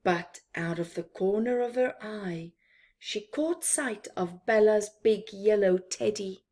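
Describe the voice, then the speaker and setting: Reading a picture book to little kids, this woman speaks in a mid-range voice. Her pace is slow and careful, and her storytelling is hushed and dramatic.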